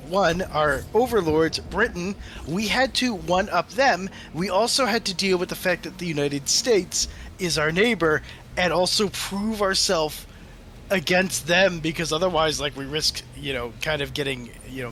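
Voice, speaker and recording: A man's voice: high-pitched, normal speed, a bit bright. A man playing a game with friends, chatty and explaining at length. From Canada. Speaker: co-player. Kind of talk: casual gaming chat. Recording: noisy game audio behind voice.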